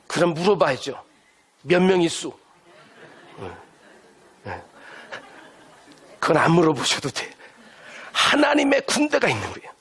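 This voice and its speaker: A man's voice: fairly high pitch, huge pitch swings, unhurried, long pauses, fairly bright tone. A male pastor preaching a sermon with emphatic delivery, having the congregation repeat lines to their neighbors. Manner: has listeners turn and repeat lines to neighbors.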